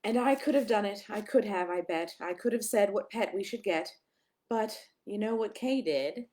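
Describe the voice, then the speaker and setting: Reading a picture book to children, this medium-pitched woman uses an expressive, sing-song voice. She adds dramatic pauses and speaks to her young audience in brief asides.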